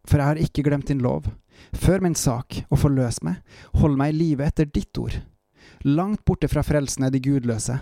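A man reading psalm verses aloud in a calm, measured way, stopping now and then for short devotional reflections. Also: on the high side, no room sound, clean studio sound. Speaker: Bible reader and preacher. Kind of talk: Bible reading with devotional commentary.

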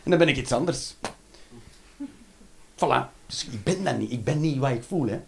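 A man performing a stand-up comedy routine. He swings between loud outbursts and low muttering, and he swears. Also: animated, normal speed, vocal fry.

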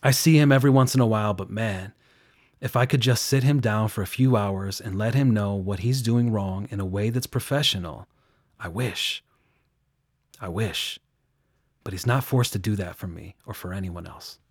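A man's voice: lowish voice, moderate pace, no room sound, studio quality. A man working as a victim advocate, earnestly recounting a case in detail during an interview. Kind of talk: interview storytelling.

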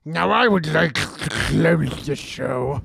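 A man playing a fussy, self-important poetry show host, speaking slowly and deliberately. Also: a little high, animated, crowd noise, heavily acted. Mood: stern. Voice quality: gravelly, husky, slow and deliberate.

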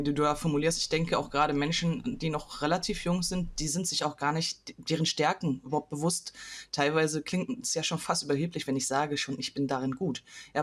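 A woman hosting a podcast interview, brisk and friendly, with a read introduction. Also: low-pitched. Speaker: podcast host.

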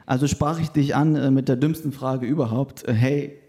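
A man hosts a casual interview in a medium-pitched voice with a soft, dark tone. He talks conversationally, moving between personal stories and questions for his guest. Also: steady tone, a little fast.

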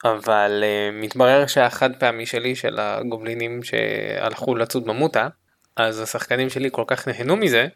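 A man's voice: medium pitch, gravelly. A man co-hosting a casual podcast chat, telling a game story with lots of laughter. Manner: animated storytelling, laughs often. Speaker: podcast co-host.

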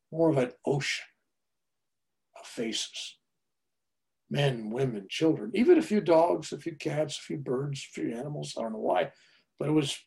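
A man animatedly telling a personal story in casual talk, swinging from loud to hushed. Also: fairly high pitch, gravelly.

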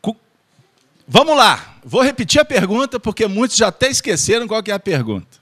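A Brazilian-accented man leads a study group in a lively, sing-song voice that rises and falls a lot. He jokes with his listeners and keeps checking that they follow, with a slightly high voice for a man. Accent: Brazilian Portuguese. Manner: playful, joking, checks in with the audience. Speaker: spiritist study group presenter. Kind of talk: informal study lecture to an audience.

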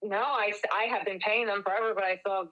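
A young adult woman chatting casually as podcast co-host, heard over a speakerphone, relaxed and swearing offhandedly. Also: mid-range voice, fast talker, lo-fi sound. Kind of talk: casual chat.

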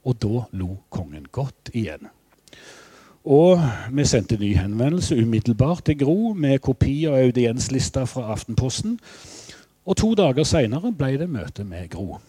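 An older man telling a personal story in a measured, reflective, somewhat halting way. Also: medium pitch, very animated, mellow, husky, no room sound. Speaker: spokesman for bereaved families.

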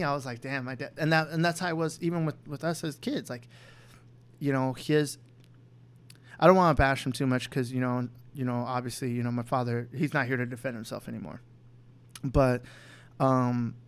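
A man's voice: mid-range voice, smooth. Young male podcast co-host, resonant clean voice, loose rambling delivery with constant fillers. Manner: rambling, full of "you know" and restarts. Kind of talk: candid personal chat.

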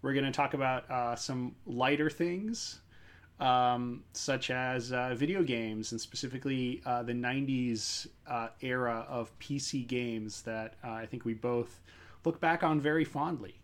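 This podcast host is a middle-aged man whose mid-range voice moves a little slowly through a casual chat. Hesitation marks his speech, with many fillers like "uh" and sentences he keeps restarting.

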